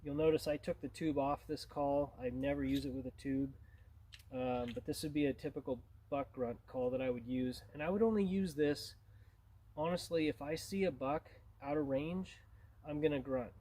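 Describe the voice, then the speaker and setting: A man's voice: mid-range voice, moderate pace, mellow. A man gives an informal tutorial as a hunting instructor, in a plain-spoken, conversational way.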